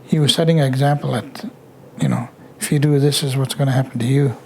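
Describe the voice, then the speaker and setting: Gravelly, halting man in his sixties. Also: medium pitch, steady tone, mellow, slight background noise. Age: 60s. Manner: halting, with restarts and pauses. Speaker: interviewee. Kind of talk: recorded interview testimony.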